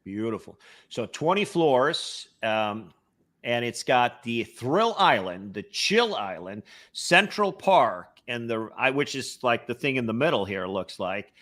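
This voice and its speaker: A man's voice: medium pitch, expressive, unhurried, fairly bright tone. A man from Norway with a Norwegian accent, hosting a casual travel webcast with many hesitations and fillers. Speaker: host.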